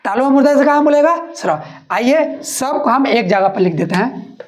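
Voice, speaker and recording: A woman's voice: high voice, expressive, moderate pace. A woman teacher giving an exam-prep lesson, asking questions and answering them herself while repeating each point.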